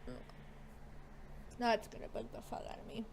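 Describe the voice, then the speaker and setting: A woman's voice: normal speed, a little hiss or hum. A woman giving casual, playful game commentary into a desk mic, joking at her own expense and swearing lightly. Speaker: gaming video creator.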